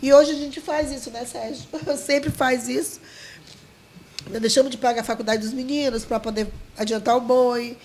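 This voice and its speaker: High-voiced woman. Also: fairly even intonation, moderate pace, darkish tone, slight background noise. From Maranhão, Brazil. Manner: heartfelt, full of restarts and quoted dialogue. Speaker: guest, leader of a folk dance group. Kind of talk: emotional storytelling.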